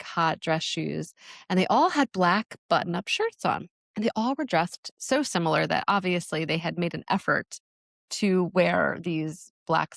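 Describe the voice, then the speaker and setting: A chatty middle-aged woman from New Jersey tells a travel story on her podcast, laughing often and bouncing into lively quoted voices. Her voice sits low with a gravelly edge. It is recorded close and dry, with no room sound. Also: no echo. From New Jersey, USA. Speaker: podcast host. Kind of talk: casual storytelling.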